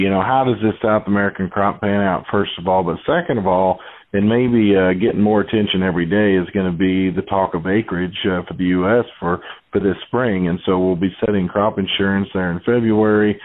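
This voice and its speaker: A man's voice: low voice, fairly even intonation, brisk. A man speaking over the phone as a market analyst guest in a casual interview, rambling with plenty of "you know" and "uh". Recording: tinny phone line.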